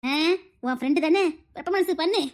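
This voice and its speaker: A woman with a Tirunelveli Tamil accent acting in a comedy sketch, chattering fast and scheming. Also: sits high, a little mellow. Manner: fast, chattering and scheming, often laughing as she talks.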